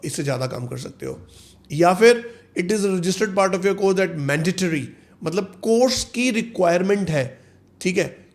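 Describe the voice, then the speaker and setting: A man, a visa consultant explaining rules in a video, reading the text slowly and then explaining it in Hindi. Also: high voice.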